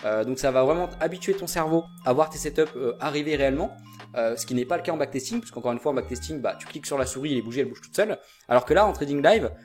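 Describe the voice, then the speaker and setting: A man's voice: medium pitch, lively intonation, racing, darkish tone, faint music behind. A young man giving an informal spoken lesson on trading, talking straight to the viewer with many fillers and repeated words. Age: young adult. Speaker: trading educator.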